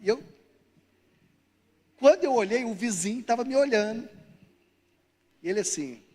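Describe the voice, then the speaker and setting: High-voiced Brazilian pastor in a hall. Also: male voice, expressive, moderate pace, warm tone, slightly rough. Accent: Brazilian Portuguese. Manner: humorous, acts out characters in his stories. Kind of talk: sermon with storytelling. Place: church hall. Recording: long reverb of a church hall.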